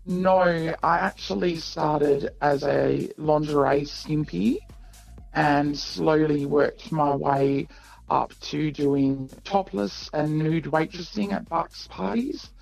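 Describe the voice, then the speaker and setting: An anonymous woman caller speaking through an electronic voice disguiser that makes her sound deep, talking hesitantly with many pauses on a radio call-in. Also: vocal fry, darkish tone, faint music behind, poor audio. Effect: disguised voice, electronically lowered to sound deep.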